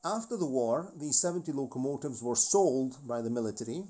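Forties guy chatting about his model train, warm mellow voice, keeps restarting and wandering off on tangents. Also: medium pitch, expressive, brisk. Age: 40s. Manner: rambling, with frequent restarts and asides. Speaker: model railway channel host. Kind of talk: casual hobby talk about a model locomotive.

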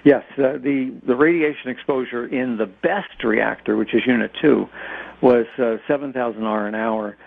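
Over a tinny, band-limited telephone line, an American man appears as an expert guest on a radio interview, explaining things informally with stammering, hesitant starts. His voice is medium-pitched and creaky at normal speed, with no echo.

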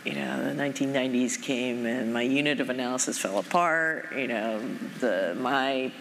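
In a reverberant conference hall with faint noise, a middle-aged Japanese woman heading a foundation holds an onstage conversation. Her voice rumbles low but is a bit bright, and she speaks thoughtfully and measuredly with frequent fillers.

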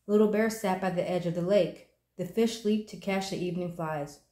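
A woman hosting a storytime channel, reading a children's picture book aloud in a clear storytelling manner. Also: on the low side, moderate pace, warm tone. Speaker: storybook reader, channel host. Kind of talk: children's read-aloud narration. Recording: roomy echo.

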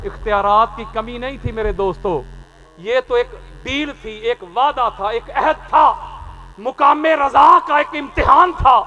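A man giving an impassioned Muharram sermon at an outdoor gathering, swinging between loud declamation and quiet lines. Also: sits high, poor audio. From Pakistan. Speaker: religious preacher. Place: outdoor gathering at a market square.

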